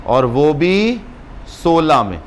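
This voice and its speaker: A man gives a brisk exam-prep accounts lecture, teasing his class and urging them on. His voice sits high. Faint classroom noise hums underneath. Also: very animated. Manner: brisk, teasing, urges students on. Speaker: accounts teacher.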